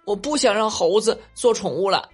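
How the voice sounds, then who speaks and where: A man putting on a shrill, excited little boy. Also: normal speed, husky, faint music behind. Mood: pleading. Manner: high, pleading, loud.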